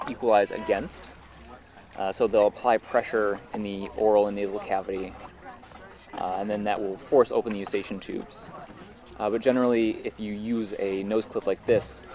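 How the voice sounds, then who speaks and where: An American man doing live sports commentary, explaining at an easy pace with frequent fillers. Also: fairly low pitch. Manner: explanatory, relaxed, many fillers.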